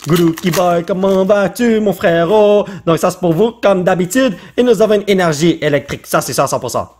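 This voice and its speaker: A man with a Quebec French accent talks in a high, slightly husky voice. He gets excited and jokes as he comments on opening card packs, and mixes in English slang. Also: moderate pace. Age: adult father. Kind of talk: casual pack-opening commentary.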